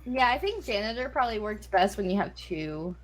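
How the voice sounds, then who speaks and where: A woman's voice: medium pitch, lively intonation, brisk. A woman gamer chatting casually with friends over voice chat, laughing often. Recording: noisy voice chat mic.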